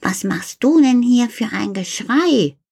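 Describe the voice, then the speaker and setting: A woman's voice: fairly high pitch, animated, takes it slowly, creaky, darkish tone, slightly rough, voice pushed up, heavily acted. A woman voicing a cheeky little male creature who scoffs and bosses in a raised voice, in a spoken children's story. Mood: scolding.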